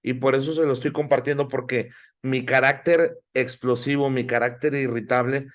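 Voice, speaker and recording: A man's voice: mid-range voice, level tone, normal speed. A middle-aged man teaching a Bible class in sermon style, exhorting listeners and asking them questions. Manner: exhorting, asks the audience questions.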